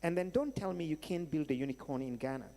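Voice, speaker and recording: A man's voice: fairly high pitch, lively intonation, fast talker, dark tone. A man with a Senegalese accent answering questions as a keynote speaker, conversational and emphatic, with rhetorical questions. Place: large hall at a live event. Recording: echoey hall with long reverb.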